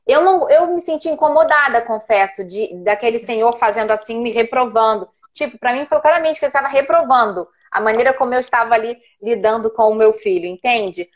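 A woman and parenting educator telling a personal story in a casual call, animated as she acts out what was said. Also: on the high side, fairly quick, few pauses, dull audio. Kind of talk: casual video-call conversation.

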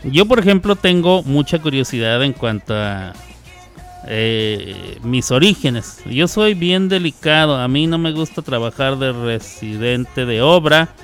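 A man's voice: medium pitch, animated, a little slow, fairly bright tone, faint music behind. A man from Mexico, hosting a casual radio show, reading listener messages aloud and joking as he talks. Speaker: radio host.

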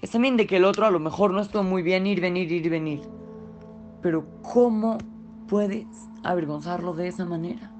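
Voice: medium pitch, moderate pace, a little mellow, highs cut off, natural voice. A storyteller voicing a man who stands up for someone being shamed. He speaks earnestly and reproachfully. Faint music plays behind. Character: calm man defending another in line.

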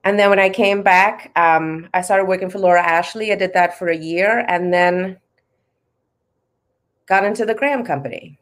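A middle-aged woman from Trinidad, a dance professor, telling her story in a casual interview with playful, animated energy. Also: fairly low pitch, normal speed.

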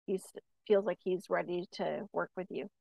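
A woman's voice: on the low side, moderate pace, creaky, dry recording, highs cut off. A woman talking casually as a medium, passing on spirit messages and telling a personal story, with many fillers and restarts. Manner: rambling with many fillers and restarts, lively when telling stories. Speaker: medium, podcast co-host.

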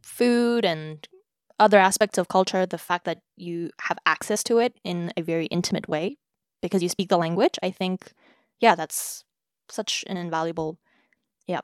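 With a lowish voice and fairly even intonation, a young podcast host from South Africa answers questions while chatting casually with her sister. The studio sound is clean with no room ambience, and her replies come out measured and reflective, softened by occasional fillers.

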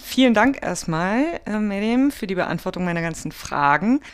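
A podcast host, talking in a measured, explanatory way. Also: medium pitch, lively intonation, clean tone. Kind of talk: podcast interview and scripted segment.

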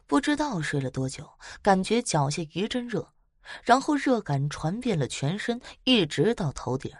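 A woman casually retelling spooky stories in a chatty, lively way, with dramatic swells. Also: medium pitch, normal speed, no echo, clean studio sound. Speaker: storyteller.

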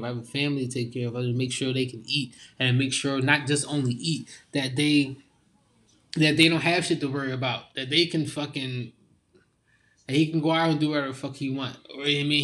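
A young man talking casually and openly, full of informal slang and halting restarts. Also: medium pitch, steady tone, sharp tone. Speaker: guest. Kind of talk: casual heartfelt conversation.

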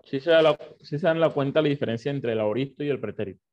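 Mellow-voiced man teaching a Bible lesson. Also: medium pitch, fast, lo-fi sound, a little hiss or hum. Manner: explanatory, repeats and corrects himself.

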